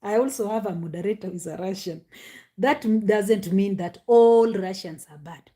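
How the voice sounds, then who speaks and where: A woman, talking casually to her viewers, animated, with many fillers and rhetorical questions. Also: mid-range voice, normal speed. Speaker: commentary host. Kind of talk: casual live commentary to viewers.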